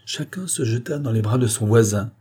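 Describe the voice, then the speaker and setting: A man with a French accent reading a classic novel aloud as an audiobook, rising in pitch and force whenever he declaims the verses. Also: moderate pace, dark tone, slightly rough. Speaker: audiobook narrator. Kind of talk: dramatic audiobook narration.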